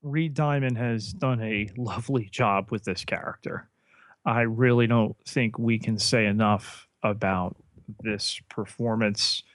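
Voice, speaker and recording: A man co-hosting a podcast, talking in a measured way and putting questions to his co-host. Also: lowish voice, steady tone, no echo. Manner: measured, asks questions, many fillers. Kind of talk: casual podcast chat.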